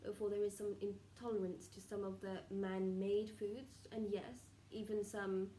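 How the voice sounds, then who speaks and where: Here a woman in a seance trance channels a solemn collective of benevolent spirit guides advising a client, improvising spiritual counsel in stilted, formal, halting phrases broken by murmured pauses. Her medium-pitched voice is mellow, flat and near her everyday register, yet the mood is solemn and insistent. A distant microphone catches roomy sound and faint noise.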